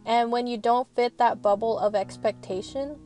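A young woman student records a casual, rambling voice-over from her parked car. She talks in an earnest, frank way, her voice sitting a little high. Gentle music plays quietly under her. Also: steady tone, moderate pace. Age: young adult. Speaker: student vlogger.

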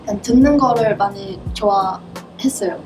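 A woman in her twenties chatting casually and politely as an interview guest, quick to giggle. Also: medium pitch. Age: 20s. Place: indoor rehearsal room with drum kit. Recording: distant mic, music behind.

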